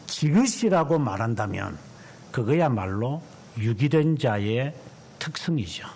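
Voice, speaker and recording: A man over fifty, a pastor delivering a sermon in church, emphatic and drawing out key words slowly. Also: mid-range voice, a little mellow, husky.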